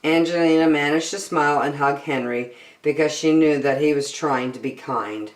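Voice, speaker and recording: A low-pitched woman reads a children's story at normal speed, giving young listeners expressive narration full of dramatic phrasing. The recording feels roomy.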